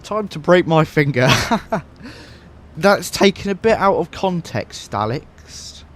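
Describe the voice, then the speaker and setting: A man chatting casually on a flight sim livestream, relaxed and laughing often, speaking into a headset mic. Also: on the high side, slow pace, a little hiss or hum. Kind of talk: casual livestream chat while flying. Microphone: headset microphone.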